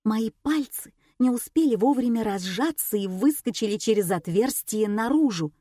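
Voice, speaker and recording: Woman reading a lively audiobook. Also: fairly high pitch, normal speed, no room sound, clean studio sound. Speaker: audiobook narrator. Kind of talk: audiobook narration.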